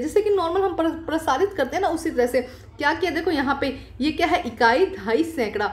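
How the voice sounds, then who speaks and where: High-voiced woman teaching maths step by step. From India. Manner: patient, asks questions and answers them herself. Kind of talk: explaining a maths worksheet.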